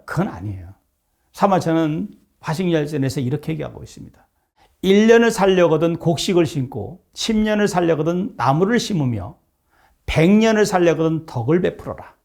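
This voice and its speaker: A man's voice: fairly high pitch, very animated, moderate pace, darkish tone. A middle-aged man lecturing as a professor, retelling a historical story and acting out its characters' lines.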